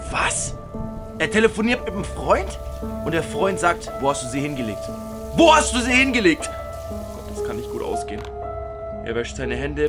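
A young man reacting to horror videos, animated and jokey, with mock fear and shouts at the screen. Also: medium pitch. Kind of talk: reaction commentary. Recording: music in the background.

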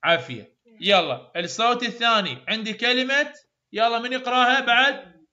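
Bright Iraqi teacher drilling sounds. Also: male voice, very high-pitched, lo-fi sound. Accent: Iraqi Arabic. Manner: repeats sounds slowly, praises students often. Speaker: English phonetics teacher. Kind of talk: classroom pronunciation drill.

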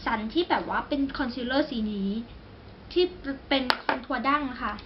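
A high-pitched young woman chats her way through a casual makeup tutorial at home, full of exclamations and jokes at her own expense. The recording sounds a little dull, with a faint hiss behind her. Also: a little fast. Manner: chatty, exclamatory, self-mocking, talks straight to viewers. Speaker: beauty vlogger. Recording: slightly dull recording with faint background noise.

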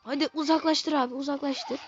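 A male gaming host giving casual, excitable commentary while he plays, teasing the game characters and chanting words over and over. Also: very high-pitched, a little fast, faint music behind. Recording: slightly dull lo-fi recording.

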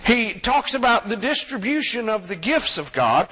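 A man's voice: sits high, big pitch swings, moderate pace, bright, forceful tone, slightly rough. A man preaching a sermon as pastor, conversational and joking, with asides to the congregation. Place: church sanctuary. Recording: long church reverb.

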